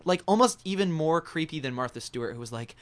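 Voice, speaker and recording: A man's voice: fairly high pitch, animated, fast, fairly bright tone, no echo. A man being interviewed as a band guest on a radio show, talking in a rambling, hesitant way full of ums and restarts. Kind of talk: casual radio interview chat. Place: radio studio.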